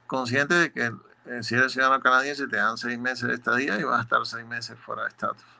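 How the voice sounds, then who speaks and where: A man's voice: mid-range voice, flat delivery, fairly quick, creaky, pushed and bright. A man working as an immigration lawyer, answering legal questions in a methodical, explanatory way, often repeating words as he searches for the next one.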